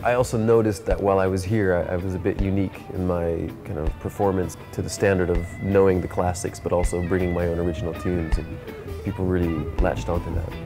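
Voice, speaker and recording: A man's voice: low voice, little pitch movement, quick pace. A man in his thirties, a reggae musician telling his story in an interview in a laid-back way, often adding "you know". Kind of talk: reflective interview monologue. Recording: clear music playing behind the voice.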